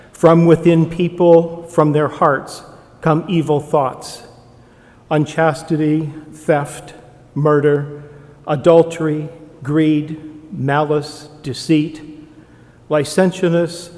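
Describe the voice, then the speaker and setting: Priest, man, unhurried measured proclamation, long echo of a big church hall. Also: on the high side, darkish tone. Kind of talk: liturgical gospel reading. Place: large church. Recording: echoey church hall reverb.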